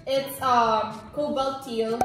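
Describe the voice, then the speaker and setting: Filipino woman, 20s, unhurried casual quiz talk, English-Tagalog mix, faint music behind. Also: fairly high pitch, fairly even intonation. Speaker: vlogger playing a sisters' quiz. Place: indoor dining room at a glass table. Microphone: camera mic a few feet away. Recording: echoey room, background music.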